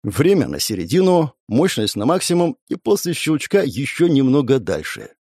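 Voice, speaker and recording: A man narrating a first-person audiobook in a lively, expressive reading. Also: medium pitch, normal speed, husky, no room sound, clean studio sound.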